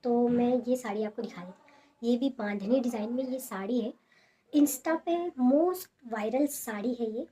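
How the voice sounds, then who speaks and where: A young woman talking softly and casually at home, showing sarees in a haul video with many fillers. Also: a little high, normal speed, breathy edge. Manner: soft, hushed talk with many fillers. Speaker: fashion vlogger showing sarees. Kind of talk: casual product haul chat.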